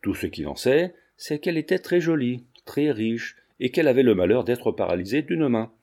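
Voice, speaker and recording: A man voicing a guarded, polite young man who speaks in measured tones, read from a classic novel. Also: medium pitch, very animated, darkish tone.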